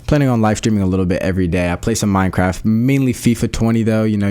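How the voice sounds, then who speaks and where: A young man with a fairly low voice talks through his podcast plans in a loose, rambling way. His speech is full of fillers, restarts and casual slang. He is recorded at home on a USB microphone. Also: darkish tone. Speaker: podcast host. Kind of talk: casual solo podcast talk.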